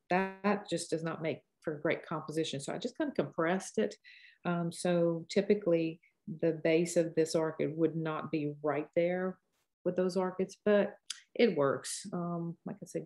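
An older woman in her sixties with a Cajun accent speaks in a fairly low voice. She gives a casual painting lesson, wandering in a folksy way from tip to tip as she thinks out loud. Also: steady tone, normal speed. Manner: rambling, folksy, thinks aloud while painting. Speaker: painting teacher. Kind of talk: casual live painting tutorial.

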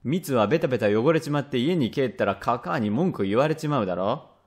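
A man voicing a rough, quick-tempered father from old Edo, speaking blunt old Edo Tokyo speech in a rakugo tale. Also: mid-range voice, animated, darkish tone, close to an everyday voice. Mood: irritated. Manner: gruff, blunt, grumbling. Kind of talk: rakugo storytelling.

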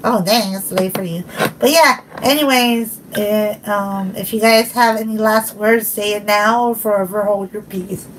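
A woman's voice: medium pitch, fairly even intonation, unhurried, slight background noise, poor audio. A young woman hosting a livestream, chatting casually with viewers, giggling often and thanking them by name. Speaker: livestream host.

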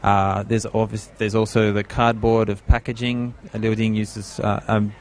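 At an art fair booth, a middle-aged man hosts an interview on a handheld mic, occasionally searching for the right words. He has a fairly low, level voice and speaks at a normal speed.

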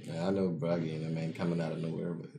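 A man co-hosting an anime reaction, speaking in a laid-back, casual way and thinking out loud about the story. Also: a bass voice, level tone, fast talker, creaky, a crowd in the background.

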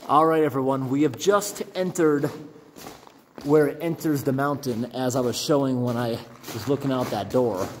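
A man gives easygoing running commentary while walking through old tunnels, his voice at a middle pitch. A faint hiss of noise sits under the camera-mic sound. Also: moderate pace. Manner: casual, chatty narration while exploring. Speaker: urban explorer vlogger. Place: abandoned railroad tunnels and snow sheds, on foot.

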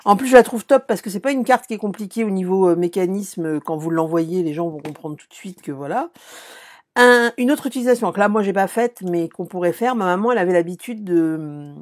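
Chatty middle-aged woman, fairly low voice. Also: lively intonation, fairly quick, a little mellow. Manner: chatty, many fillers and restarts, reassuring asides. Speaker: craft live-stream host. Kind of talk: casual live demonstration, answering viewer comments.

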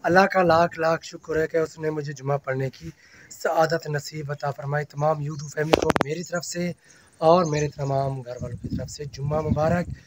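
A man's voice: fairly high pitch, fairly even intonation, moderate pace, heavy background noise. A man talking casually to his viewers in a vlog, earnest and devout, repeating his phrases. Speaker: family vlogger. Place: outdoors among fields, then walking.

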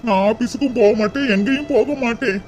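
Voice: mid-range voice, fast talker, darkish tone, lightly acted. A voice actor playing a heartbroken, stubborn young man in a cartoon, crying and pleading, with a Tirunelveli Tamil accent. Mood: stubborn, tearful. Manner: sobbing, pleading. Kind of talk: amateur cartoon voice acting.

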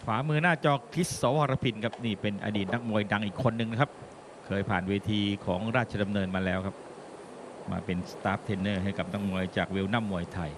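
A man's voice: lowish voice, fairly quick, noisy background. A man giving live Muay Thai commentary as a boxing commentator. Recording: loud music behind the voice. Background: loud music.

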